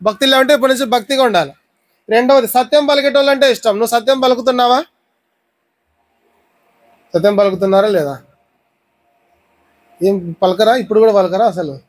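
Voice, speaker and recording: A high-pitched man from India with a Rayalaseema Telugu accent preaching a sermon. He keeps firing the same question at his listeners and explains with everyday examples. He teaches with steady conviction. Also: brisk, long pauses, rough recording. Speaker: pastor.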